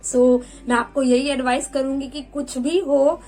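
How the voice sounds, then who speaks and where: A woman's voice: sits high, fairly even intonation, measured pace, a little mellow, faint music behind, poor audio. A woman in her twenties telling a personal story in a candid, chatty way, with English words mixed into her talk. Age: 20s. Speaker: vlogger.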